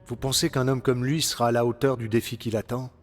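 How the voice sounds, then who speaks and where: A man's voice: medium pitch, little pitch movement, fast, faint music behind, close to an everyday voice. An actor playing an earnest, curious young male hero in a French video game dub, asking plenty of questions. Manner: inquisitive, earnest.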